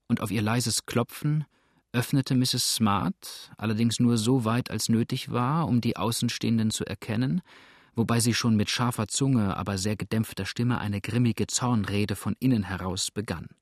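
A man narrating a novel in a measured audiobook reading. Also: medium pitch, dry recording, clean studio sound.

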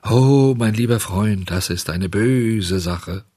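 A man reading a storybook aloud, voicing a kind, solemn little marmot who speaks slowly and soothingly. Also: medium pitch, expressive, gravelly, husky, no room sound, studio quality, pitched above the performer's own voice, exaggerated voice. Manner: slow, soothing, lecturing.

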